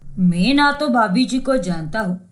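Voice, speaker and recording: A woman's voice: fairly high pitch, lively intonation, unhurried. A woman voicing a blunt, matter-of-fact young male factory worker in a cartoon story.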